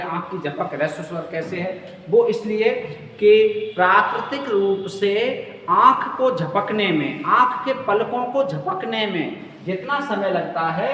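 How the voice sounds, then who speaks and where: A man's voice: high-pitched, a bit bright. A man teaching a lesson, repeating points and asking and answering his own questions. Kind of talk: classroom lecture. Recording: echoey room, mic at a distance, faint hum.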